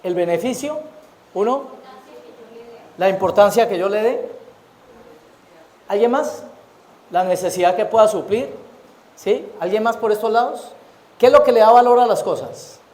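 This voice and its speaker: A man's voice: sits high, measured pace, long pauses, a little mellow. A Colombian man preaching a sermon as pastor, often asking the congregation questions and waiting for their answers. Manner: asks the congregation rhetorical questions. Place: church. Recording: echoey church hall.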